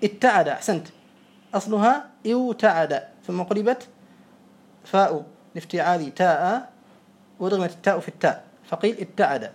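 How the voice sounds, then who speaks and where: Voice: mid-range voice, normal speed, pauses often, slightly rough. Patient classroom teacher, methodical, repeats examples and quizzes a pupil. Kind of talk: classroom lesson.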